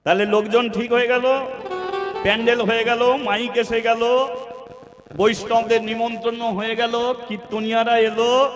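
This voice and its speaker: High-voiced man preaching in a reverberant hall. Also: flat delivery, normal speed. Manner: preaching to a seated audience, half-sung phrases. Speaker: kirtan singer and preacher. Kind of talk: devotional sermon with storytelling. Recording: long hall reverb with music. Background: instrumental music.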